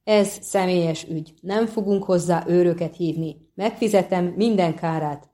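A woman's voice: on the low side, dark tone, lightly acted. Dainty Biberwelt, a woman doing a blustering halfling. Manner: bellowing, blustering. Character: stout angry male halfling, hot-tempered.

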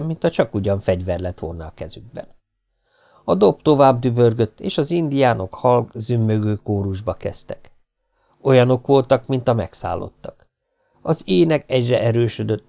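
A man narrates a novel for an audiobook in a steady storytelling manner. His voice sits at a middle pitch with a gravelly grain, and his phrases settle low at their ends. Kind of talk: scripted narration.

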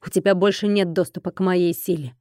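A woman voicing a composed young man who speaks firmly and calmly. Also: on the low side, a little fast, no echo, clean studio sound, natural voice. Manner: composed, firm. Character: calm, firm young man protecting his bride.

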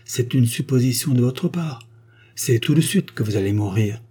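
A man voicing a stern army general who gives cold, clipped orders, in a dark, husky voice. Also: mid-range voice, animated, moderate pace.

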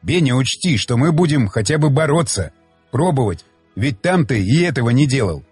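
A man's voice: mid-range voice, big pitch swings, normal speed, darkish tone, husky, no echo, faint music behind. A male audiobook reader voicing a blunt, mocking male companion who lectures like a patient mentor. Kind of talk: audiobook dialogue reading.

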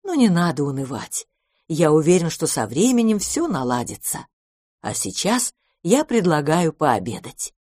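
A woman doing a steady father mouse. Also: deep voice, normal speed, dry recording, studio quality. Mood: patient. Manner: steady, reasoning. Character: calm, reasonable father mouse, losing patience.

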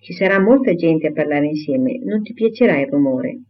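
A man doing a fretful elderly invalid gentleman. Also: fairly high pitch, lively intonation, moderate pace, lightly acted. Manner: fretful, worrying. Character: fussy anxious elderly gentleman, frail invalid. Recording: tinny phone-like audio.

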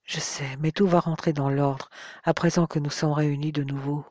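A tender young woman comforting her fiancé in a hushed voice, as read by a male narrator. The reading stays soft, recorded close and dry. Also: a little high, flat delivery, moderate pace, no echo, lightly acted.

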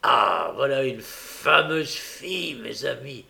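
Man reading sly old fence, coaxing soft voice, wheedles everyone. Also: medium pitch, animated, slow pace, creaky, full character voice. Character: wheedling old male fence, scheming gang boss.

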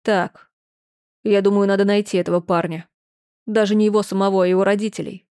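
A woman's voice: medium pitch, fairly even intonation, brisk, mellow, close to an everyday voice. A woman voicing a distraught middle-aged mother who wails and scolds, then gives hard, clipped orders. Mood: stern. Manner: lamenting, reproachful, clipped orders. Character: older mother, shrill, wailing, then stern.

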